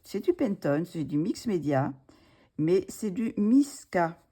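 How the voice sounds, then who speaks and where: Woman, low-pitched, warm dark tone, casual haul chat, hesitant, many restarts. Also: very animated, slow pace, breathy edge. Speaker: art supplies vlogger.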